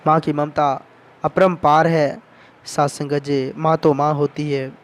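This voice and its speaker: A man's voice: fairly high pitch, little pitch movement, takes it slowly. A man telling a devotional story as a sermon, addressing the congregation respectfully again and again. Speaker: devotional speaker.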